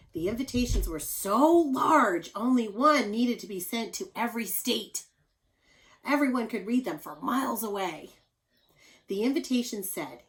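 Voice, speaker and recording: The recording is poor, but a medium-pitched woman can be heard reading a children's story as a teacher. She talks right to her young audience, keeping things simple and emphasizing expressively.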